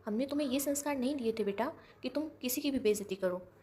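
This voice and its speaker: A woman's voice: sits high, fast talker, a little hiss or hum, close to an everyday voice. A woman voicing an old grandfather, kind but firm when he scolds, in a storybook reading. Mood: disappointed. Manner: gentle then scolding, firm.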